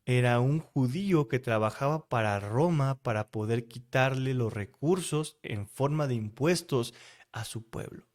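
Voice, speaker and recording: Earnest Mexican preacher addressing the listener. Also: male voice, medium pitch, a little mellow. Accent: Mexican Spanish. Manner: earnest, talks straight to the listener with rhetorical questions. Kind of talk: devotional sermon.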